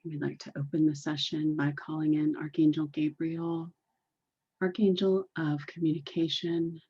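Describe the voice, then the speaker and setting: With little movement in her pitch, a low-voiced woman talks listeners through a meditation at a very unhurried, soothing pace. Her tone is dark, mellow, and softly husky, she repeats phrases deliberately, and the recording is a bit dull.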